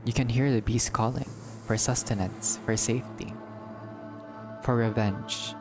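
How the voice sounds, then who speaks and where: At a measured pace, a man with a steady, mid-range voice reads a visual novel's text aloud with dramatic flair, reacting casually as he goes. Loud game music runs beneath him.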